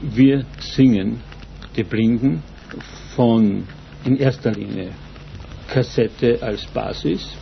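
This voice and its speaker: A man answering interview questions in deliberate, halting phrases. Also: mid-range voice, gravelly. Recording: dull lo-fi, faint background noise.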